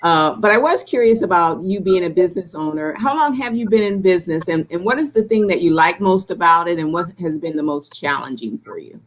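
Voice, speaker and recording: Woman, evaluator, warm, encouraging, fairly low voice, asks questions. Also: lively intonation, fairly quick, few pauses. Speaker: pitch evaluator. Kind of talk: asking questions in a virtual pitch event.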